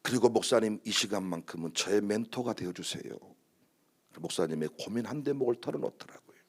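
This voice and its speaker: A man's voice: lowish voice, a little fast, slightly rough. A man preaching a sermon as pastor, telling stories animatedly and acting out quotes. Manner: animated storytelling with acted-out quotes.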